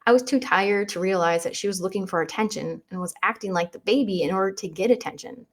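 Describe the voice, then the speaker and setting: A woman's voice: mid-range voice, fast talker. A woman in her thirties hosting a podcast, telling a personal family story in an earnest, emotional way that turns tearful at times. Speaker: podcast host.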